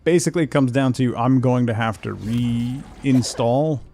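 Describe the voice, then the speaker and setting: Unhurried and gravelly, this man's mid-range voice has a dark tone, with a little hiss or hum in the audio. He's a game streamer rambling casually with viewers during a livestream, reading chat and game text aloud.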